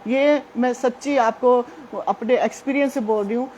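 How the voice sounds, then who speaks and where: A woman's voice: fairly high pitch, normal speed, warm tone, slight background noise. A woman gives a devotional testimony, telling her story earnestly and speaking directly to her listeners. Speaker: devotee sharing a personal testimony.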